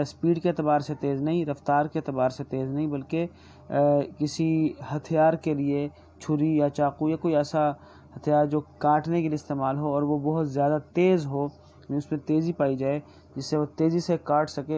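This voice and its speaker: Man, Pakistani Urdu accent, recorded lecture, slow deliberate explaining, mellow tone. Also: on the high side. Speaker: teacher. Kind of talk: recorded exam-prep lecture.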